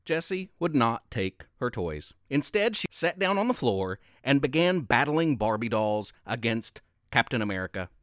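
A man reading a Christmas story aloud as narrator, in an expressive, sing-song way. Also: mid-range voice, normal speed, hardly any pauses, no room sound, clean studio sound.

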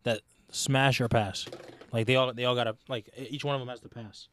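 Fast-talking young man, teasing banter. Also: medium pitch, steady tone, fairly bright tone. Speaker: podcast co-host. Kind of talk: casual chat.

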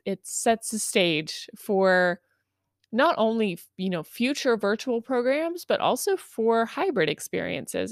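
A woman's voice: medium pitch, smooth, no room sound. Chatty woman podcast host, dry close mic. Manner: chatty, upbeat, many fillers. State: just over a cold. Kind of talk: casual podcast intro.

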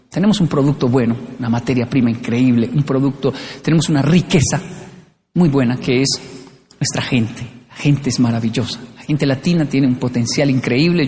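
A man giving a humorous motivational talk, acting out little scenes. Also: mid-range voice. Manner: animated, acts out scenes. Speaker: motivational speaker. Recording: long hall reverb.

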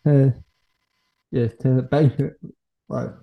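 A man hosting a casual podcast interview in halting, fragmented phrases. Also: mid-range voice, fairly even intonation, creaky, dull audio. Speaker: podcast host.

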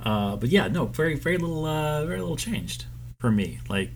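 A man co-hosting a podcast in casual comedic chat, with dry, deadpan jokes. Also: on the high side, a little fast, a little hiss or hum. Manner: dry, jokey, deadpan absurd asides. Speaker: podcast co-host.

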